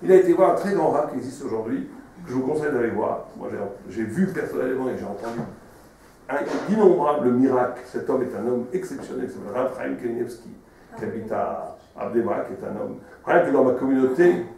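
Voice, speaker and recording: A man, a rabbi, telling stories in a sermon, an expressive storyteller who repeats his words. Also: mid-range voice, brisk, gravelly, a little hiss or hum. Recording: very echoey room, mic far off.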